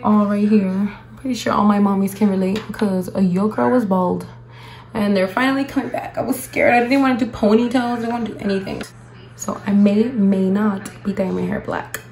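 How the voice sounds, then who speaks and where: A woman's voice: mid-range voice, fairly even intonation, a little fast, gravelly, darkish tone, slight background noise. A young woman talking casually and playfully to the camera, and partly to herself, as she applies makeup. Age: young adult. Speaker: beauty vlogger. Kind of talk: casual get-ready-with-me chat while doing makeup. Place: indoor room at home.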